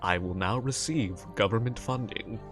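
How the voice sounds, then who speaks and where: A man voicing a solemn, official shopkeeper dog that speaks mind to mind in a deep, formal voice. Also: moderate pace, over loud music, close to an everyday voice.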